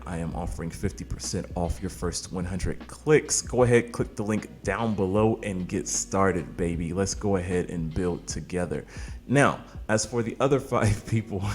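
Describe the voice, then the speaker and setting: A man's voice: deep voice, darkish tone. A man who hosts an online marketing channel, talking casually and pushing offers with hyped, salesy energy, tired from recording late at night. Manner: hyped, salesy, addresses viewers as "baby" and "man". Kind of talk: casual promotional talk to camera.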